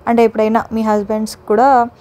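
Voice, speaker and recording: A woman's voice: fairly high pitch, little pitch movement, fast talker, a little mellow. Chatty Telugu woman narrating cooking. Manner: chatty, explaining step by step. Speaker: vlogger. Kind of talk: voice-over cooking vlog narration.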